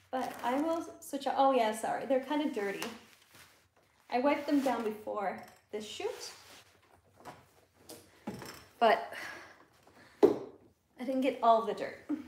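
A woman with an Upper Midwest accent chats through a relaxed livestream show-and-tell at an unhurried pace, her voice sitting a little high. She giggles between thoughts. The small room is echoey, with a faint hiss behind her. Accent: Upper Midwest American. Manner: chatty, giggly, slow-paced show-and-tell. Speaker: livestream host. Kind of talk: casual livestream chat. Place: small salon room with barber chairs, indoors.

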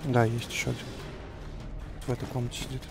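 A man of medium-pitched voice talks bluntly to his teammates during a game. His casual callouts come over clear music and gunfire. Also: completely flat delivery, fast talker. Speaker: video game player. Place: voice chat over a shooter game.

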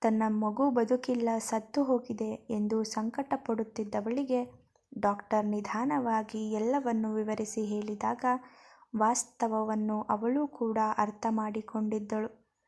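Woman narrating a serial story, mellow. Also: fairly high pitch, level tone, takes it slowly.

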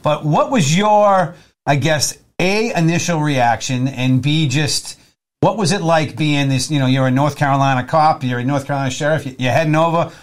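Chatty higher-voiced man with Boston accent. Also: moderate pace. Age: 40s. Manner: chatty and rambling, circling back on his words. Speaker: podcast co-host. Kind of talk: casual interview chat.

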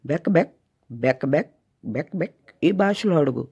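A woman's voice: fairly low pitch, normal speed, vocal fry, warm tone, breathy edge, dry recording, pitched above the performer's own voice. Woman doing a chummy frog. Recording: dull lo-fi recording.

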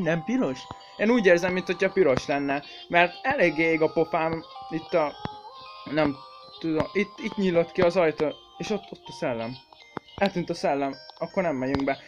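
A man hosting a horror game let's play, swearing, jumpy and shrieking whenever something startles him, and chatting to viewers he calls kids. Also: sits high. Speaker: gaming channel host.

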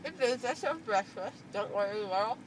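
Still numb and packed with gauze from dental surgery, a young woman slurs her way through a giddy, loopy, rambling chat in the car. Her mid-range voice is expressive and moves at a moderate pace. The sound comes from a handheld phone a little away, distant and mixed with road noise.

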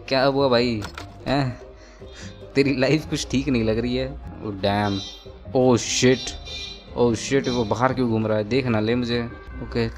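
Excitable young man playing a horror game. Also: medium pitch. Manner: excitable, joking, laughs often. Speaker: gamer. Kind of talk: gameplay commentary. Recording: game music in background.

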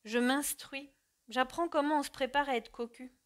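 A woman's voice: high voice, fairly even intonation, moderate pace, pitched above the performer's own voice, natural voice. A woman reading as a sneering bitter young man. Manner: sarcastic, sneering.

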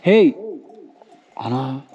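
A man shepherding in the hills, shouting and counting aloud to hear his voice echo back, in a loud, playful way. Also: mid-range voice, lively intonation, very slow, slightly rough. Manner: loud calls and playful sound-check counting. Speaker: shepherd vlogger. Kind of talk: casual outdoor vlog talk to viewers. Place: outdoors in hill pasture with grazing sheep. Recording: dull lo-fi outdoor recording with noise.

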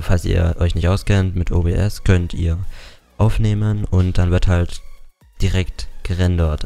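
Low, mellow-voiced young man gaming. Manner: chatty, rambling, swears casually. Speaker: gaming YouTuber. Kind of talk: casual Let's Play commentary. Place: home room. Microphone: desktop mic with facecam.

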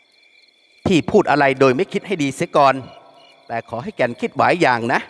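A man's voice: fairly high pitch, expressive, moderate pace. A man playing a brooding tough guy. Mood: regretful. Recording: long reverb.

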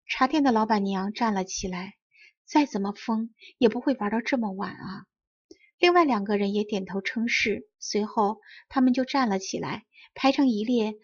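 A woman reading a children's story aloud in clear, carefully enunciated storybook narration. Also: medium pitch, muffled recording. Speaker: audiobook reader.

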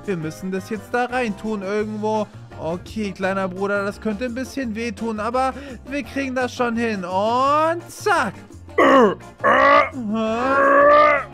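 A man hosting a Minecraft roleplay, talking excitably to viewers and repeating words fast when he panics. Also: high-pitched, soft background music. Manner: addresses viewers directly as "Leute". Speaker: channel host and roleplayer.

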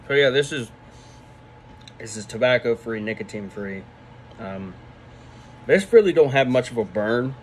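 A man's voice: medium pitch, lively intonation, moderate pace, long pauses, slight background noise, low-quality recording. Young man talking with a lip full of dip. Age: 20s. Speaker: product reviewer. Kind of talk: casual vlog review, off the cuff. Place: small room indoors. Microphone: phone at arm's length.

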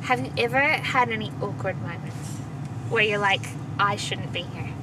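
A woman's voice: medium pitch, normal speed. A woman hosting a casual interview while she drives, asking bubbly, eager questions. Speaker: host, driver. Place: inside a moving car. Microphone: dashboard camera mic. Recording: loud car and road noise.

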